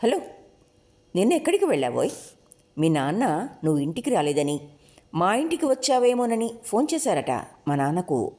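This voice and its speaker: Brief: brisk, mocking young woman, put on by a woman narrator, bouncy pitch. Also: big pitch swings, close to an everyday voice. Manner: brisk, sarcastic, forceful. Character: blunt sarcastic young college woman.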